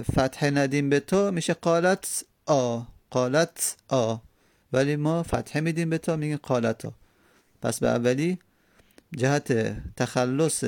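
Male teacher, gravelly tone, patient and repetitive, giving a classroom grammar lesson, dry close recording. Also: medium pitch, a little mellow, dry recording. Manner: patient, repeats examples, rhetorical questions.

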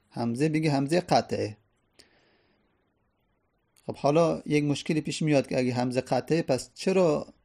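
A man's voice: mid-range voice, a little mellow. A man teaching a grammar lesson, explaining step by step and answering his own questions.

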